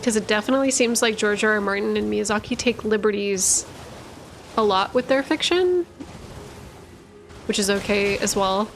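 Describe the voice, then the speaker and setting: A woman's voice: medium pitch, slight background noise. Rambly tired woman streamer. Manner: rambling, many filler words, self-correcting. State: tired after a long stream. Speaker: streamer and lore channel host. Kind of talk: casual livestream chat answering viewers.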